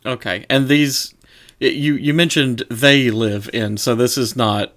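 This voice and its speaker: A man's voice: mid-range voice, fairly even intonation, a little slow, a bit bright. A man co-hosting a podcast, mostly listening at an easy pace. He cuts in now and then with short questions and dry jokes. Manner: laid-back listener with dry jokey interjections. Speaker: podcast co-host. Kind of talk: casual podcast chat.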